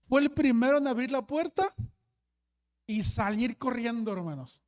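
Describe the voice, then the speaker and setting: A man's voice: very high-pitched, lively intonation, a little slow. Pastor guy preaching, tells stories, keeps restarting, talks to the congregation a lot. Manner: storytelling, often says hermanos, frequent restarts. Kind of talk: sermon with a storytelling opening.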